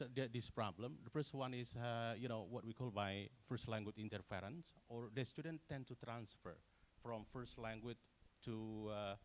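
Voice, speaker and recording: Halting man presenting research. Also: medium pitch. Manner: halting, many fillers and restarts. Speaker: conference presenter. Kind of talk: academic conference presentation.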